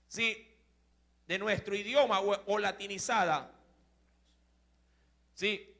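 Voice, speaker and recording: Male preacher, unhurried and deliberate, bright tone, teaching from scripture. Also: extremely high pitch, creaky. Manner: rhetorical questions to listeners, slow and deliberate. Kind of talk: sermon teaching on Greek words. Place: church.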